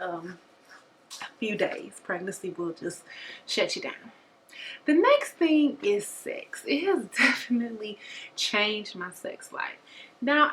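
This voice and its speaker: Casting: young woman, bright voice, candid chatty vlogger addressing viewers, a little winded, faint noise behind. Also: mid-range voice. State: short of breath. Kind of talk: casual chat to camera.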